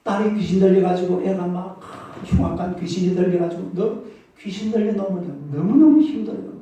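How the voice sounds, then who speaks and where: A man's voice: high voice, fairly quick, slight background noise. A man preaching a sermon as pastor, telling stories vividly and calling out to the congregation. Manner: animated storytelling, calls out for congregation replies. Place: church sanctuary. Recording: echoey church hall from a distance.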